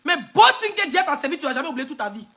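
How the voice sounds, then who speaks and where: A woman's voice: sits high, very animated, racing, pushed and bright. A woman with an Ivorian French accent on a phone live stream, hurling insults and mocking laughter in an angry rant.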